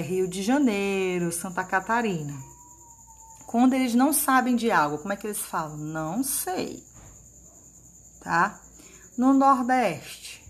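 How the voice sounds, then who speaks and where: A woman teacher from Maranhão with a northeastern Brazilian accent, giving a lesson to children and checking in often to see that they follow. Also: mid-range voice. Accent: Maranhão Brazilian Portuguese.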